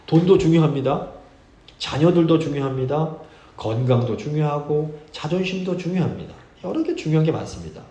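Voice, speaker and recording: A male pastor giving a sermon, earnest and measured, reading scripture slowly for emphasis. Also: fairly high pitch, dark tone, roomy sound. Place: church sanctuary.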